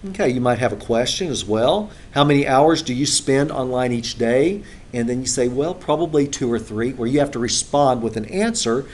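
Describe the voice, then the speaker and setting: A man's voice: mid-range voice, lively intonation, moderate pace, few pauses. A male instructor giving a classroom lecture in a conversational way, with frequent filler sounds, recorded in a classroom.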